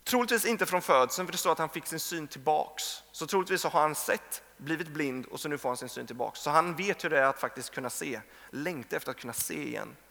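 Man in his thirties, pastor, sermon in a hall with long reverb; a sharp, gravelly voice that sits a little high. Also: hardly any pauses. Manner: conversational storytelling, acts out quoted voices. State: tired from little sleep.

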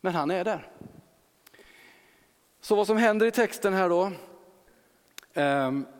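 An earnest male preacher working through a Bible passage, stacking repeated phrases and everyday fillers. His voice sits fairly high, and the words ring out with a long reverb tail, as if spoken in a church hall. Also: clean tone.

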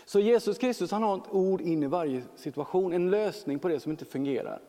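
An earnest male preacher working through a Bible passage, stacking repeated phrases and everyday fillers. His voice sits fairly high, and the words ring out with a long reverb tail, as if spoken in a church hall. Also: dark tone.

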